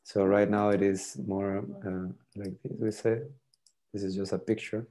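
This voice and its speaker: A middle-aged man whose first language is French demonstrates a mapping tool on a casual video call. His voice is on the low side and dark in tone, level and measured in pace, and he often repeats words as he thinks.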